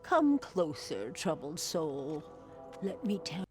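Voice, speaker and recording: A woman voicing a sly, mystical fortune teller in a video game, with a creaky, theatrical, mysterious delivery. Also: deep voice, big pitch swings, slow pace, over music, exaggerated voice. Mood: mysterious, coaxing. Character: sly mystical older female fortune teller peddling vague prophecies. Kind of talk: video game character dialogue.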